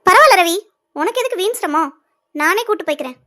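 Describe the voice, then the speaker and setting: A woman voicing a sharp-tongued, resentful young woman in a cartoon serial, cutting and scornful. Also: extremely high pitch, lively intonation, fast, full character voice.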